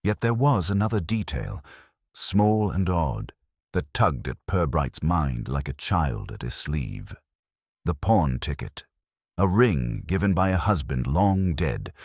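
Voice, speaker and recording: In a measured, literary style, a man with an extremely deep voice narrates a scripted mystery story. His pitch swings in lively fashion, and the recording is close and dry.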